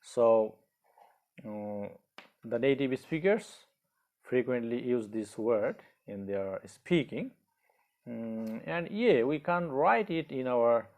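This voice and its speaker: A man teaching in a slow lesson, filling pauses with "uh" and repeating example sentences. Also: mid-range voice, expressive, a little mellow. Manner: hesitant, many fillers, repeats example sentences. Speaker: English teacher. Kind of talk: slow spoken grammar lesson.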